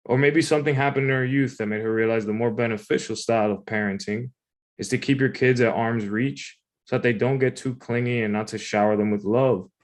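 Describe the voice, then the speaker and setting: Male writer, medium pitch, reading a personal piece aloud in an informal, conversational manner. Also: steady tone, fairly quick. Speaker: writer reading own submission.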